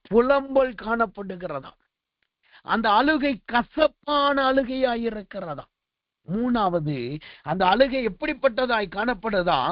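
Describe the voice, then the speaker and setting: A man's voice: extremely high pitch, dry recording, lo-fi sound. A male pastor preaching a sermon, building his points through repeated rhetorical questions.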